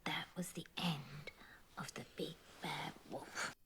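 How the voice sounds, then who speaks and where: A woman's voice: sits low, fairly even intonation, takes it slowly, fairly bright tone, slightly rough, full character voice. Amelia, a weary Australian mother. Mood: hushed reading. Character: weary widowed single mother, tired and strained. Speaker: film character. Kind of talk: film drama acting.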